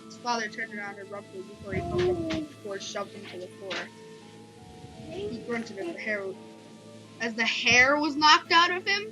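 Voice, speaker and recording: Young woman reading a creepypasta, kinda high voice, trips over words, music playing. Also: big pitch swings, normal speed, rough recording. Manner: reads with frequent stumbles and restarts. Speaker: creepypasta reader. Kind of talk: casual horror story reading. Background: background music.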